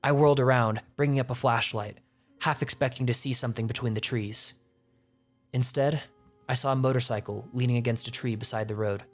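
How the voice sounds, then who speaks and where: A man reading a first-person horror story in a tense, measured way. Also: medium pitch, steady tone. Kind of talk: scripted first-person narration. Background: faint music.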